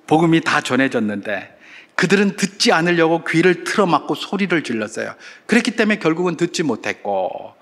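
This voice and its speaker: Male pastor preaching, with animated swings and rhetorical questions. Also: medium pitch. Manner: animated preaching with acted-out crowd shouts. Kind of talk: sermon.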